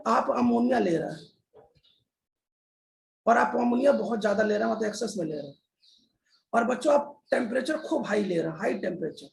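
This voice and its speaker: A man's voice: very high-pitched, gravelly. A man teaching a chemistry lesson in a classroom style, repeating key terms and often addressing the children. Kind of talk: classroom lecture. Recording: echoey room.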